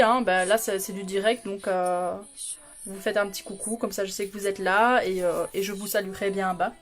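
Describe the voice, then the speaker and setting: A young woman doing a live makeup stream from home, chatting with viewers and giggling often. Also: fairly high pitch. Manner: giggly, bubbly, talks to chat by name. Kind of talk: chatty livestream talk to viewers.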